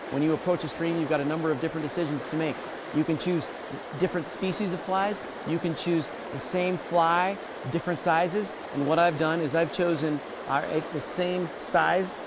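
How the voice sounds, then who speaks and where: A man teaching fly fishing outdoors by a river, energetic, checking in with the viewer often. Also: on the high side. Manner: energetic, punctuates with "okay?" and "all right?". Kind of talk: outdoor instructional talk to camera. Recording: running stream noise behind.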